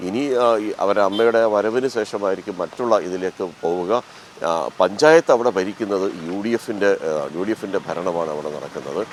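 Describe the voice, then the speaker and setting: A male field reporter giving a live news report, measured, with frequent filler pauses. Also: sits low, a little hiss or hum, poor audio.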